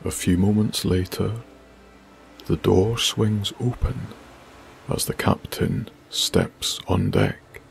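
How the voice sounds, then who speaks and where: A man narrating a bedtime sleep story in a soft, hushed, breathy manner. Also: on the low side, steady tone, takes it slowly, soft background music.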